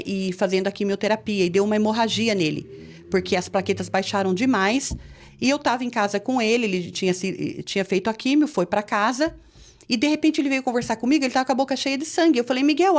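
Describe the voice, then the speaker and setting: A woman's voice: medium pitch, quick pace. A woman pastor with a Brazilian Portuguese accent tells a personal testimony with earnest feeling, her voice rising when she relives the tense moments.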